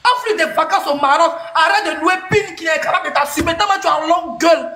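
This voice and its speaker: A woman in a heated live-stream clash, mocking and shouting insults between laughs. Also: very high-pitched, quick pace, roomy sound, a little hiss or hum.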